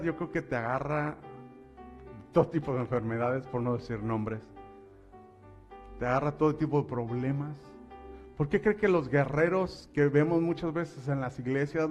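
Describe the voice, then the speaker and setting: A man preaching a sermon as pastor, asking his listeners direct questions and building up to loud, emphatic passages. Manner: rises to loud, high-pitched preaching at climaxes.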